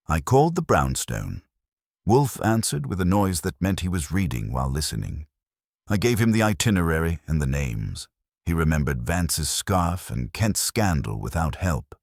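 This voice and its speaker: This audiobook narrator has a husky bass voice and reads a first-person detective story as scripted narration, giving it a wry, hardboiled delivery. The recording is studio quality with no room sound.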